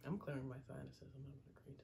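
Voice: medium pitch, completely flat delivery, very fast, creaky, warm tone. Give me a playful, teasing co-host of a casual vlog, with a noisy home recording. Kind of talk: casual chat, food challenge.

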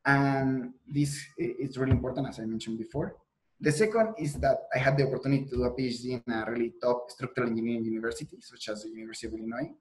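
A fast-talking young man with a medium-pitched voice answers interview questions on a video call, the rough recording carrying a bit of hiss or hum. He's a PhD student from Mexico whose native Spanish gives him a Mexican accent, speaking from an indoor room. His earnest answers are full of restarts and fillers.

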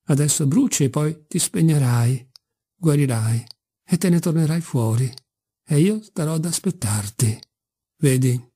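Man reading a boozy, wicked, sentimental old father; low, husky, rambling and wheedling. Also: dark tone. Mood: coaxing. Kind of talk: audiobook character reading.

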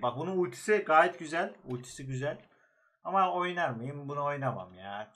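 A man's voice: mid-range voice, a bit bright, slight background noise. A man giving casual gameplay commentary as a gaming YouTuber, talking in short, slangy, reactive remarks.

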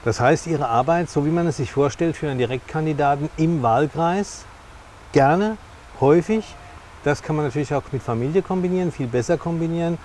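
A middle-aged man hosts a television interview on an outdoor lakeside café terrace, his voice fairly high, brisk and a little mellow. He speaks emphatically, repeating phrases for stress. Recorded on a lapel mic, the audio is clear with outdoor background noise.

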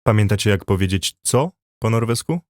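A man teaching a language lesson, speaking slowly and deliberately and repeating phrases for learners to copy. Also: fairly low pitch, animated, a little mellow, no echo, studio quality.

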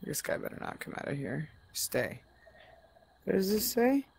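A woman's voice: medium pitch, big pitch swings, moderate pace, gravelly, a little mellow, slight background noise. A woman casually commenting as she plays a VR game, muttering to herself, often swearing and sometimes dropping to a whisper. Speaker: VR game player.

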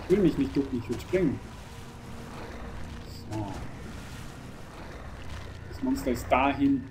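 A man commentating a horror game playthrough, excitable, urging the game character on and swearing when it gets tense. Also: mid-range voice, takes it slowly, noisy background. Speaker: gaming channel host.

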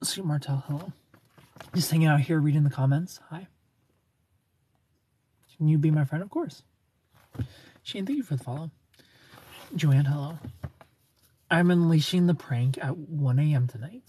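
Fairly high in pitch but dark in tone, his voice keeps a moderate pace with frequent pauses and slight background noise. The man, in his thirties, sits in a car parked at night under neon lights, phone close to his face. He banters on a casual live stream, reading comments and laughing often.

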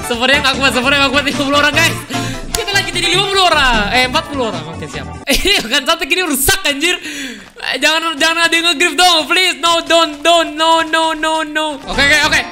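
A young man giving excitable gameplay commentary, laughing often and slipping into English slang. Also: very high voice, brisk, hardly any pauses. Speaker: gaming YouTuber. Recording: voice over loud background music. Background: background music.

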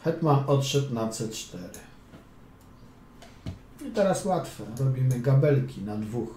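A man's voice: medium pitch, lively intonation, slow pace, mellow. A man coaching chess as he plays through a game, chatty and playful, with quips and mutters along the way. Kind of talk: casual game commentary. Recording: roomy echo, faint room hum.

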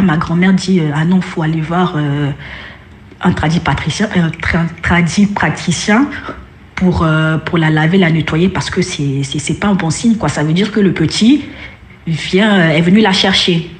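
Woman storyteller, low-ish voice, halting delivery full of fillers, echoey room. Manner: hesitant, many fillers and restarts. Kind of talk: casual spoken storytelling. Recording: roomy echo.

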